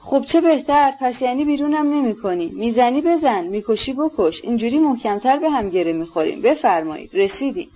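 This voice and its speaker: A fawning, clownish middle-aged clerk, voiced by a woman in an audiobook, fussy and emphatic, pitched higher than the narration. The recording sounds dull and lo-fi. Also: expressive, few pauses, dark tone, breathy edge.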